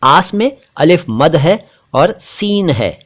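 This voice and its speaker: A man with a slightly raised voice teaches Urdu letters as a patient lesson. He drags out each short word slowly and deliberately, and he insists firmly on correct pronunciation. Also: a little high, sing-song, a bit bright. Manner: slow, deliberate spelling-out of letters and words; stresses correct pronunciation, a bit critical of others. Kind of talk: spoken script lesson.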